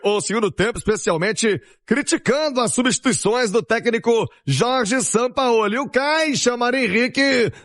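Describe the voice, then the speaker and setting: Man, Brazilian accent, high pitch, radio match recap, sports presenter, emphatic short phrases. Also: a bit bright.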